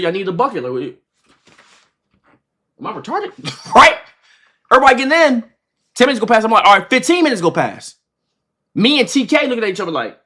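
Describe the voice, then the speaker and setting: His voice is high and husky as this young man in his twenties streams live, casually recounting a story to chat. The telling is animated and repetitive, full of slang, swearing, and acted-out quotes of what was said.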